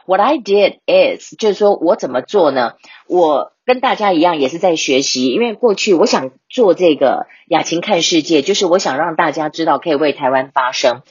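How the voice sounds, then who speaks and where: Woman teaching English, husky voice. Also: low voice, animated, no room sound. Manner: switches between Mandarin and English, explains vocabulary slowly. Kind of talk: bilingual English lesson podcast. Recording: dull, lo-fi dry recording.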